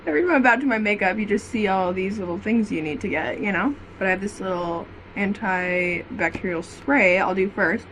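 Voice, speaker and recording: A woman's voice: medium pitch, brisk, hardly any pauses, fairly bright tone. Casual young woman vlogger, noisy background. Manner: informal, conversational. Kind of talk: casual chatty vlog to camera. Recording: clear background noise.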